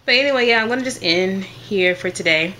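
A woman's voice: mid-range voice, a little fast. A woman chatting casually in a vlog, rambling and laughing often as she talks. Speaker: vlogger. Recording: loud background noise.

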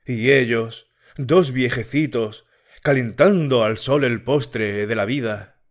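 A man narrating a classic story as an audiobook. He reads at an unhurried, very slow pace, each phrase placed deliberately. His pitch sits in an ordinary middle range. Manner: measured, deliberate reading.

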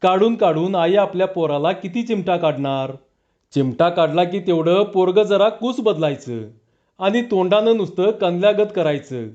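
A high-voiced man tells a comic village story with lively spoken delivery in rural dialect. The recording sounds dull and lo-fi, as if the top end has been cut off. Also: normal speed.

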